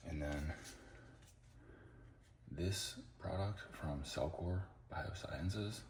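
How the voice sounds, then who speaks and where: A man's voice: sits low, extremely slow, a little mellow, echoey room, slight background noise. A man talking casually in a home fitness vlog, rambling with fillers. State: out of breath after sprints. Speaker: fitness vlogger. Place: at home, kids asleep nearby.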